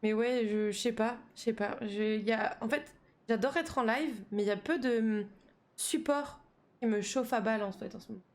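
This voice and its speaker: A woman's voice: fairly high pitch, normal speed. A young woman chatting casually with her live-stream audience while she plays, full of slang and fillers.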